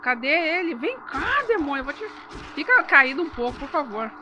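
A woman's voice: sits high, animated, a little fast, noisy background. A young woman, giving live gameplay commentary, jumpy and exclaiming, swearing at enemies. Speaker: streamer.

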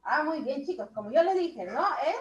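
Woman teacher, high voice, slow and drawn-out, heaps praise on small kids, roomy lo-fi call audio. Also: expressive. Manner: slow, drawn-out words, warmly praising children. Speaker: primary school teacher. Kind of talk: online class instruction.

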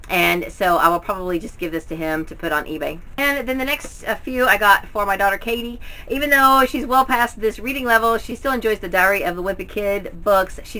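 A woman's voice: mid-range voice, bright, forceful tone. A middle-aged woman talking casually to camera at home, presenting books like a vlogger. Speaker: book haul vlogger. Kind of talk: casual, chatty book review to camera. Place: indoors at home, in front of bookshelves.

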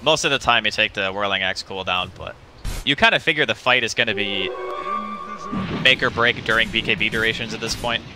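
A man with a lowish voice talks quickly through his esports color analysis. He keeps it casual and matter-of-fact, with music playing beneath him. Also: rough recording. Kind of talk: color commentary.

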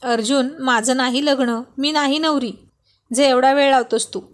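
A woman's voice: high voice, steady tone, moderate pace, natural voice. A woman voicing a cheerful, practical young wife with a light, teasing way of talking. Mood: exasperated.

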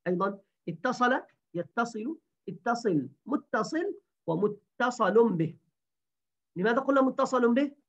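A woman teaching a grammar lesson, repeating words slowly and quizzing her students. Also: a little high, lively intonation. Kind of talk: grammar lesson to an online class. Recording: dull lo-fi recording.

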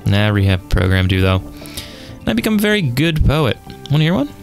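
A man voicing a young woman in rehab who recites silly poems in a flat, deadpan way. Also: mid-range voice, a little fast, vocal fry, soft background music.

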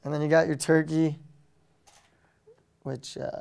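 A young American man chatting in an easygoing, relaxed way with a lot of fillers. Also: a little high, measured pace, gravelly, a little hiss or hum. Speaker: guest. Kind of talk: casual chat.

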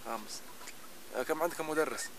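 A man with a Libyan Arabic accent, interviewing people outdoors with quick, brief questions. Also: fairly high pitch, fairly bright tone. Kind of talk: street interview. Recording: outdoor camera audio with clear background noise.

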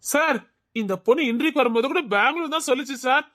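A woman's voice: high voice, fast, a bit bright. A woman voicing a deferential assistant who politely explains things to her boss, in an amateur audio drama.

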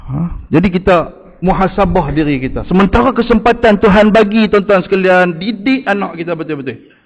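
A man with a northern Malaysian accent preaching to a congregation, impassioned and rhetorical, dropping to soft low asides and then rising to urgent lines. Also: muffled recording. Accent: northern Malaysian Malay (Kedah). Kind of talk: religious lecture to a congregation. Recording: long hall reverb.

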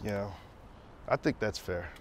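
An actor playing a reasonable, put-upon young cyclist in a drama, explaining things in a matter-of-fact way. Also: male voice, lowish voice, slow pace, background noise. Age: young adult. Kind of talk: acted drama dialogue. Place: outdoor parking lot.

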